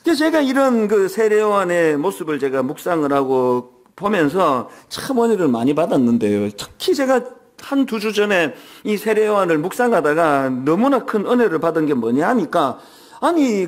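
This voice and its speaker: A man in his sixties, the senior pastor, preaching a Sunday sermon in a church, telling personal stories with humor and asking the congregation frequent rhetorical questions. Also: high-pitched. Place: church sanctuary.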